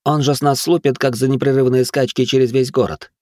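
A man's voice: mid-range voice, flat delivery, fairly quick, a little mellow, no echo, clean studio sound, voice pushed up, close to an everyday voice. A man voicing a stubborn young aristocratic ex-soldier who argues in a raised, indignant tone. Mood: argumentative.

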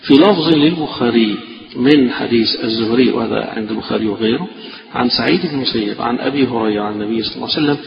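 A man with an Egyptian accent teaching a mosque lesson, scolding his students and tripping over quick restarts. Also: vocal fry, crowd noise. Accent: Egyptian Arabic. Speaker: sheikh teaching a classical fiqh text. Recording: echoey mosque hall, dull low-fi recording with background hiss.

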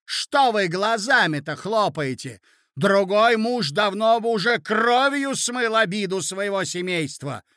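A man's voice: fairly high pitch, very animated, takes it slowly, no echo, studio quality, pitched above the performer's own voice, full character voice. A man playing a shrieking, domineering matron. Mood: enraged. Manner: loud, shrieking outbursts. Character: furious scheming middle-aged woman, domineering.

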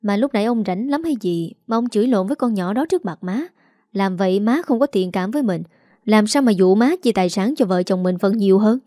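A woman voicing a shrill, scheming young wife who nags her husband, in a Southern Vietnamese accent. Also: expressive, a little fast, mellow, dry recording, clean studio sound, natural voice. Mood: shrill nagging. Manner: shrill, nagging.

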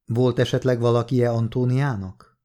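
A man reading the lines of a courteous male police detective who asks gentle, persistent questions, in an audiobook. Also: medium pitch, little pitch movement, natural voice.

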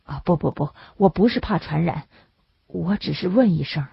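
Woman reading as a blunt working guy, husky, plain talk, dull dry sound. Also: on the low side, animated, moderate pace, no echo, full character voice. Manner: plain, colloquial, muttering asides. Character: poor laborer man, blunt then kindly.

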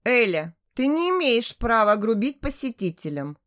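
A woman's voice: a little high, very animated, normal speed, a bit bright. A woman reading a cold, curt male restaurant manager. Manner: cold and clipped.

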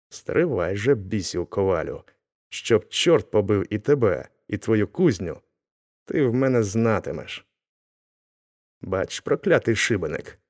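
A man's voice: fairly low pitch, a little mellow. A man reading the part of a grumbling middle-aged village Cossack who mutters complaints to himself. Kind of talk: audiobook character reading.

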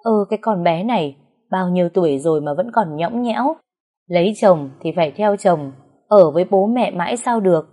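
A woman voicing a stern aging father who lectures his grown daughter in a firm, slow, measured way. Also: lowish voice, expressive, warm tone. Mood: scolding.

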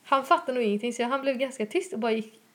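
A woman's voice: on the high side, heavy background noise. A young woman co-hosting a podcast, telling a story in casual chat, laughing often and acting out her own reactions. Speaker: podcast co-host.

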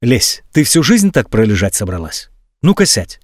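A man's voice: mid-range voice, very animated, moderate pace, no echo, clean studio sound. A man reading an audiobook, voicing a cold, blunt young woman who scolds her friend. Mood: scolding.

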